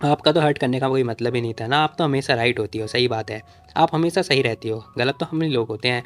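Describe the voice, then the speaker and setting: A man reading the lines of a lovesick, sulky rich young man, pleading and low. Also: quick pace, faint music behind, natural voice.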